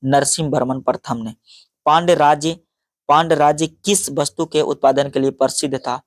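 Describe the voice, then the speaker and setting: A man's voice: on the high side, steady tone, no echo, studio quality. A man teaching an exam-prep lecture, reading question-and-answer notes and often stumbling over names and correcting himself. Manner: halting, stumbles over names and restarts, frequent sorry.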